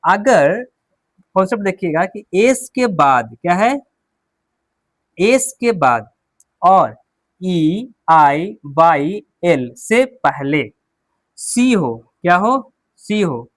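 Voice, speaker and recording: A man's voice: high voice, sing-song, very slow, long pauses, dry recording. A man teaching an English pronunciation class, asking the class questions and answering them himself, repeating the key words. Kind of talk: classroom lesson, explaining at a board.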